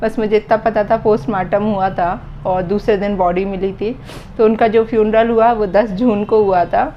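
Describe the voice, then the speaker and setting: A woman in her thirties vlogging about a loss, talking slowly and heavy-heartedly, her voice dropping low at times. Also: steady tone, dull audio, a little hiss or hum. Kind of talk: emotional personal vlog talk.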